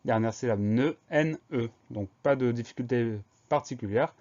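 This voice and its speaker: A man's voice: medium pitch, moderate pace, a little mellow. Patient man spelling words aloud. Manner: patient, methodical, spells out letter by letter. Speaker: teacher. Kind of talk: spelling lesson, calm explanation. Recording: slightly dull lo-fi recording.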